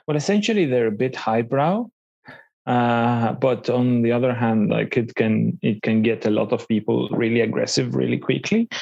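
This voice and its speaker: A man from Greece co-hosting a casual podcast, talking in a halting, thoughtful way with frequent pauses mid-sentence. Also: mid-range voice, vocal fry, no echo, dull audio. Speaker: podcast co-host.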